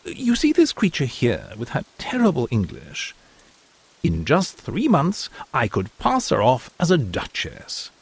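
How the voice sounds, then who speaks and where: Professor Higgins, as a man voices him lively and superior. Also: medium pitch, a little slow, creaky, breathy edge, voice pushed up, full character voice. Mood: self-assured. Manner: confident, lecturing, condescending. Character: self-assured male phonetics professor, brisk and superior. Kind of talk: audiobook reading.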